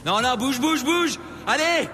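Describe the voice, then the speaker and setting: French bomb expert, loud and urgent, deep canyon echo from a vast vault. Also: male voice, animated, measured pace, very noisy. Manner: shouts commands, loud and urgent. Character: excitable male demolitions expert shouting orders. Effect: booming cavernous echo, like a canyon. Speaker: demolitions expert. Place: large underground vault. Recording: long hall reverb over music.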